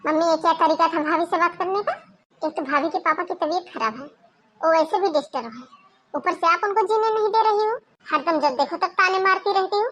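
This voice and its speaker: A caring young daughter from a cartoon, voiced by a woman. She talks earnestly and persuasively in a high voice. She protests readily. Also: brisk, a bit bright, a little hiss or hum. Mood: protesting. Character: young caring daughter who defends her sister-in-law. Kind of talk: Hindi cartoon voice acting.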